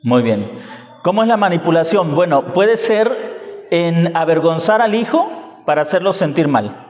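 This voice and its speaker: A man's voice: a little high, lively intonation, measured pace, a little mellow. A man preaching a sermon as pastor, asking the congregation rhetorical questions and acting out the lines of parents. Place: church hall. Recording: echoey church hall.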